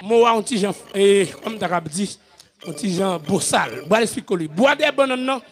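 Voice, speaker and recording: Man, haitian accent, pastor, sermon, shouting and chanting, very high voice, loud music behind. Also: lively intonation, moderate pace. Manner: shouting, chanting preacher with sung calls.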